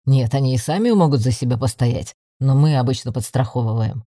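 A man voicing a calm, patient young male mage student who explains things gently and teases a little. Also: medium pitch, brisk, no echo, studio quality, lightly acted. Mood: patient explaining. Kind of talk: audiobook dialogue reading.

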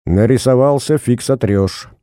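A man's voice: medium pitch, a little slow, dark tone, dry recording, clean studio sound, pitched above the performer's own voice, close to an everyday voice. A man reading an audiobook, voicing a cheeky, boastful teenage schoolboy in a raised, brash tone. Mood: cocky. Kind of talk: audiobook character voice.

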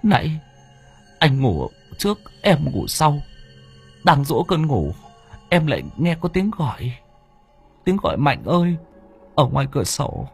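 A man's voice: on the high side, huge pitch swings, measured pace, vocal fry, long pauses, slightly rough, faint music behind, voice pushed up, heavily acted. A man voicing a terrified young village man who stammers and pleads in panic. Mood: panicked.

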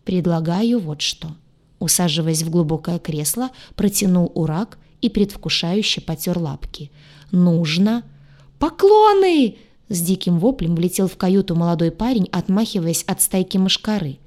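A woman reading a first-person science fiction audiobook aloud, with a lively, ironic storytelling manner. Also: fairly low pitch, moderate pace, hardly any pauses. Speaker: audiobook narrator.

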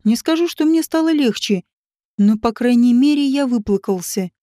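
A woman reader voicing a brooding middle-aged husband with a low, heavy, sardonic delivery. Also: lively intonation, moderate pace, dark tone, dry recording, studio quality, natural voice. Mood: bitter, mocking.

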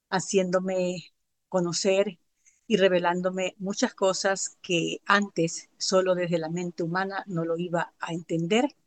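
A woman joins a radio interview as a guest author over a video call. She speaks in a somewhat low voice, earnest and devout, without hurrying. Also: a little mellow. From Ecuador.

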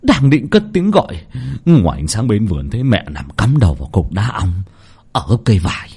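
A man's voice: lowish voice, sing-song, a little fast, mellow, slightly rough, full character voice. A man voicing a panicked middle-aged son who stammers and wails, in a storybook reading. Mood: sobbing. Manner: stammering, wailing.

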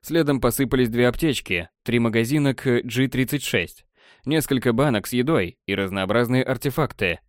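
A man narrating an audiobook in an even storytelling manner. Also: mid-range voice, normal speed, dry recording, studio quality. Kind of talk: scripted narration.

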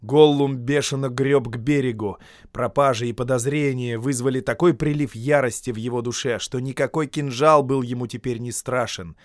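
A man reading a fantasy tale aloud as an audiobook, with expressive storytelling and dramatic shifts in loudness. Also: mid-range voice, moderate pace, no echo, studio quality. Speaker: audiobook reader. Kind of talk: scripted narration.

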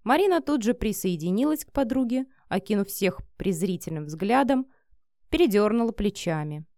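A woman narrates an audiobook in an even, steady reading voice of middling pitch. The recording is dry and close, with no room sound. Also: moderate pace, no echo.

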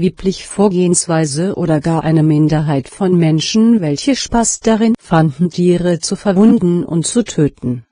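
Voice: medium pitch, warm tone, no room sound, clean studio sound. A computer-generated voice of unclear sex reading scripted audiobook narration in a stilted, literal manner. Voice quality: synthetic computer voice. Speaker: audiobook reader.

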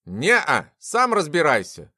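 A woman's voice: low-pitched, huge pitch swings, takes it slowly, sharp tone, breathy edge, dry recording, studio quality, full character voice. A man doing an aloof, bookish young woman. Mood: dismissive. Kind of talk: audiobook character reading.

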